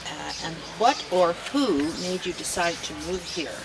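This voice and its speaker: Older woman interviewer, lively low voice. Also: unhurried, creaky. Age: 60s. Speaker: oral history interviewer. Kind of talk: conversational interview. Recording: noisy recording with ambient sound.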